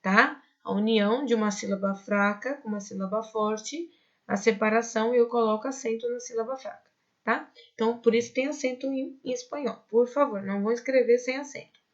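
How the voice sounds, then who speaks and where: Brazilian teacher, higher voice, lo-fi sound. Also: female voice, fairly even intonation, fairly quick. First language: Portuguese. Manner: explains patiently, often checks with "né?" and "tá?". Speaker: Spanish teacher. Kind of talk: recorded online class.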